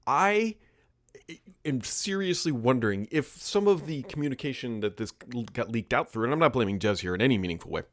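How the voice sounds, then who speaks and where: A man's voice: medium pitch, lively intonation, a little fast, a bit bright, dry recording, studio quality. A man giving casual solo video commentary, thinking aloud with frequent asides and self-corrections. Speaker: tech commentator.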